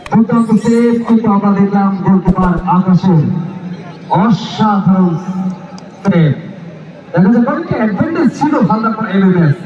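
High-voiced male match announcer, heavy echo. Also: normal speed. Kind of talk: live football announcing of players and teams. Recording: echoing PA-like distant sound, dull, some crowd noise.

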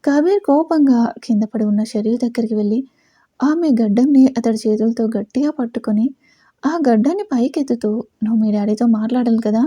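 A woman narrating a scripted audio love story in a steady, expressive reading voice. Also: fairly high pitch, breathy edge, no echo, studio quality.

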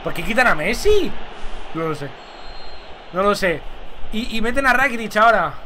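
Excitable high-voiced streamer. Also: male voice, normal speed, slight background noise. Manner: excitable, shouts at goals, chatty with viewers. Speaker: gaming streamer. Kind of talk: live gameplay commentary.

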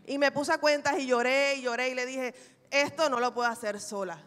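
A woman pastor preaching a sermon, telling a personal testimony in an animated, humorous way. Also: high voice, brisk, smooth. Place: large church hall. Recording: reverberant church hall recording.

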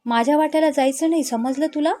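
A woman voicing a lively young woman office worker in a told love story, in her own everyday voice. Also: sits high, fast, pitched above the performer's own voice, natural voice. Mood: angry. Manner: pleading then sharp when crossed.

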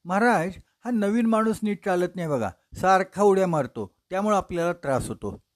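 A man's voice: high-pitched, expressive, a little fast, no echo, clean studio sound, pitched above the performer's own voice. A man voicing working men who carry a palanquin and complain to their king about a new bearer. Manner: grumbling, pleading.

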